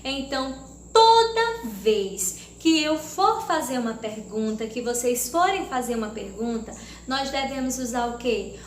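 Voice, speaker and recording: A woman from Brazil teaching a grammar lesson to young children, speaking slowly and deliberately and exaggerating her intonation when she reads example sentences. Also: fairly high pitch, lively intonation. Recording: echoey room with faint background noise.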